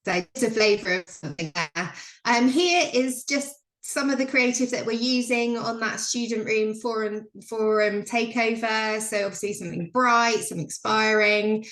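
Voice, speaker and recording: A woman's voice: on the high side, moderate pace, a bit bright, roomy sound. A woman giving a chatty, filler-heavy business update on a video call. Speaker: presenter on a member call.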